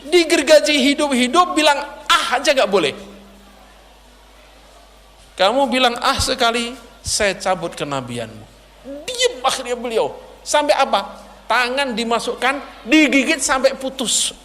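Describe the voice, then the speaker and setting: A man's voice: very high-pitched, sing-song, a little slow, fairly bright tone. A man preacher telling a dramatic sermon story in a prayer hall, addressing the audience directly. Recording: long hall reverb.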